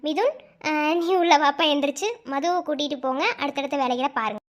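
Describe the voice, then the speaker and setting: A woman performs a whole household of cartoon women in a very high, piping voice. The talk is speech, full of teasing and scolding banter. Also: fairly quick. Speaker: cartoon channel creator voicing all characters. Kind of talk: acted cartoon dialogue.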